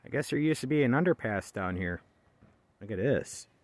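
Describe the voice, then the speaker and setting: A railfan vlogger who isn't local to the area casually narrates as he hikes an abandoned rail line, recorded outdoors on a handheld phone with no room sound. His voice is medium-pitched and animated at a normal speed. He rambles chattily, hesitating with lots of fillers.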